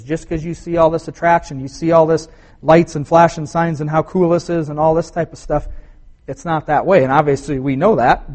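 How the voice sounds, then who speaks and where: A man's voice: a little high, a little mellow. A man preaching to a congregation in a conversational style, with fillers and restarts. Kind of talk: casual sermon.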